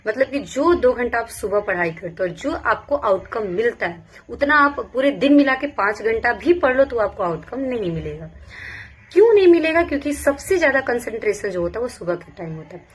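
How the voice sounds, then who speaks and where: A young woman from Bihar, a police sub-inspector, giving casual, earnest study advice to exam aspirants and repeating her points as she goes. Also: fairly high pitch. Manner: earnest, repetitive, speaks in first-person plural.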